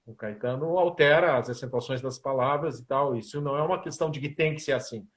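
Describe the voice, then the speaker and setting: A man's voice: mid-range voice, fast. A man, a musician and composer, talking casually in an interview and telling stories. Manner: animated storyteller, sings snippets of lyrics.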